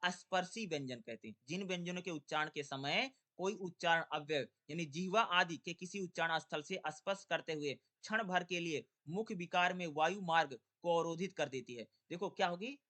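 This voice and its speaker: Young guy teaching an exam-prep class, high bright voice, keeps asking questions and answering them himself. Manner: drawls syllables slowly in drills.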